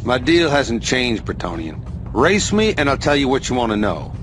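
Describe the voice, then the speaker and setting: A man with a mid-range, natural voice swings widely in pitch at a moderate pace. He's an actor voicing a cocky, swaggering space racer who taunts showily in a game cutscene. The recording has loud music behind it.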